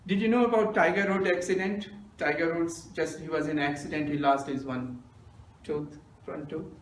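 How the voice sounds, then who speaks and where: Deadpan man in echoey room. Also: fairly high pitch, normal speed, distant mic, a little hiss or hum. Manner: deadpan storytelling with self-mocking jokes. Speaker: stand-up speaker. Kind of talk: humorous club speech. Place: meeting room with audience.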